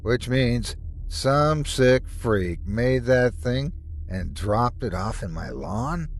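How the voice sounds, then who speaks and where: Man acting a rattled homeowner, very lively pitch. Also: slow pace, a little hiss or hum. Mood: incredulous. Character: rattled, frustrated male homeowner, straining to stay polite. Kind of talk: acted dialogue in a narrated horror story.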